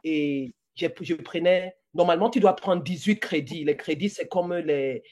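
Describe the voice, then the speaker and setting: Unhurried and fairly low-pitched, with a darkish tone, a woman in her forties from Cameroon answers questions as a podcast guest. It's a conversational interview, and her French is peppered with English words and many false starts.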